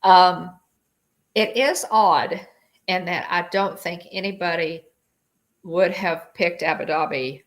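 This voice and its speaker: A woman's voice: fairly low pitch, takes it slowly. A woman hosting a casual livestream chat, reading viewer comments and talking with lots of fillers and restarts. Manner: chatty, many fillers and restarts.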